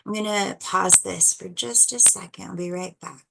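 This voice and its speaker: A woman chatting casually to her channel, keeping quiet as if others are asleep nearby, rambling and trailing off mid-thought. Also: on the low side, moderate pace, gravelly, noisy background. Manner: quiet, hushed talk so as not to wake people napping nearby. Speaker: channel host doing card readings. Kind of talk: casual chat.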